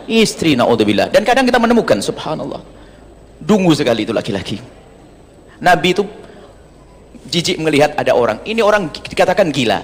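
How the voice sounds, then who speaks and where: A man's voice: on the high side, fairly bright tone. A man preaching a sermon to an audience, teasing and humorous. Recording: long reverb of a large hall.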